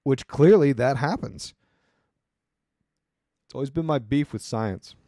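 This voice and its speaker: A man's voice: medium pitch, measured pace, dark tone, dry recording. Guy rambling on his podcast, sarcastic asides, dead dry sound, no room at all. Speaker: podcast host. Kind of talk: casual solo commentary.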